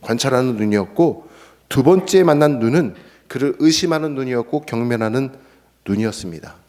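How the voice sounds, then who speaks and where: A man's voice: medium pitch, brisk. A male pastor preaching an expository sermon, acting out the scripture voices. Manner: animated, acts out scripture quotes. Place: church sanctuary. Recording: echoey church hall.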